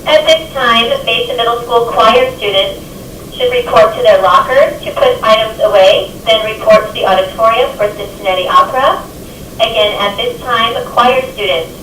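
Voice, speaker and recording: A woman making a polite, formal announcement over a school intercom loudspeaker, repeating her message. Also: fairly high pitch, normal speed, distant mic, slight background noise. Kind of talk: public address announcement. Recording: echoey loudspeaker heard from afar.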